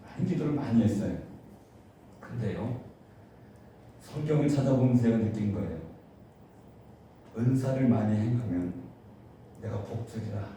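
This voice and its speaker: A male pastor preaching a sermon in a church, animated, with his voice rising to fervent cries when he acts out prayers. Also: lowish voice, normal speed, pauses often. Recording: echoey church hall from far off, faint hiss.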